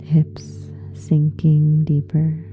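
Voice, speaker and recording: Over soft meditation music and singing bowls, a woman with a deep voice guides a yoga nidra relaxation in a breathy, calming hush. Short phrases come very slowly and evenly, separated by long pauses, and the recording sounds somewhat muffled and dull.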